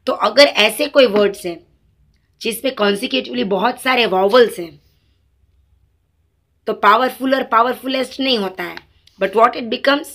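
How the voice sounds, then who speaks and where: A woman's voice: fairly high pitch, a bit bright. A woman teaching a grammar lesson to children, switching between Hindi and English and drawing out each example word. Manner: slow, deliberate, mixes Hindi and English, drawn-out example words.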